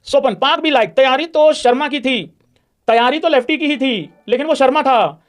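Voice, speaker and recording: A man's voice: very high-pitched, normal speed. A man hosting a cricket livestream, ranting bluntly and mockingly while answering viewers' super chats. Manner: heated, mocking and blunt, addresses viewers as brothers. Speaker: live-stream cricket host reading super chats. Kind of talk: casual live-stream rant and chat replies.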